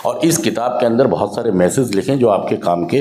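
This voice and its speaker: Speaking fairly quickly in a voice on the low side, this male addiction counselor pumps up rehab residents with an animated motivational talk. He keeps throwing rhetorical questions at them, and the drug rehab center's room sounds echoey.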